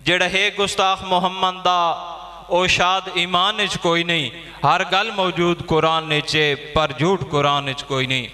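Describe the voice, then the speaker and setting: Male Punjabi poet on stage, piercingly bright tone, hall echo, repeats verses with thanks between. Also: high voice, flat delivery, a little slow. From Pakistan. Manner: declaims couplets, repeating each line, thanks listeners between verses. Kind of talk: reciting poetry at a mushaira. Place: stage at a poetry gathering. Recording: long hall reverb.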